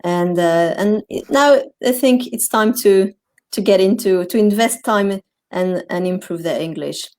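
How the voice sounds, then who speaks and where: Woman hosting a video call interview, mid pitch, friendly, lots of ums and restarts. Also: unhurried, a little mellow. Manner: friendly, many fillers and restarts, laughs often. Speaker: interview host. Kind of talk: casual interview.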